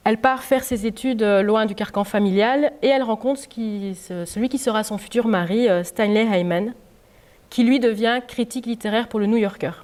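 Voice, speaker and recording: A woman's voice: on the high side, a little fast, a little mellow. A woman author giving an informal public talk to an audience in a library, chatty and full of hesitations. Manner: chatty, many hesitations with "euh".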